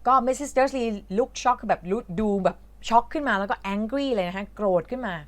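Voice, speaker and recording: A woman's voice: fairly high pitch, moderate pace, darkish tone. A woman from Thailand who teaches English, patiently explaining a reading lesson in a chatty way with lots of fillers.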